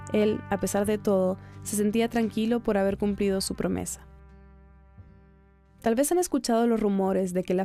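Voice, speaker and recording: A woman reporter giving calm, measured, scripted narration of a true story. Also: medium pitch.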